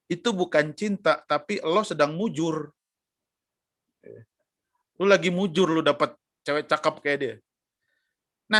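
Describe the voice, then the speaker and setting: A man with an Indonesian accent preaching a youth sermon as a pastor, animated and teasing as he comments on what he shows. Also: very high-pitched, dry recording, studio quality. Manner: animated, teasing, reads out social media posts.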